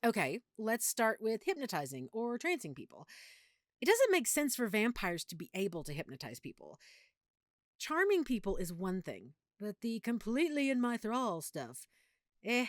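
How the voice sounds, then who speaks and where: In this audio roleplay, a woman portrays a loving girlfriend who's geeky and full of opinions, playfully fussing as she explains, with huge pitch swings at a normal speed. She comes across animated and opinionated. The sound is dry and close, like listening to one partner's side of a chat.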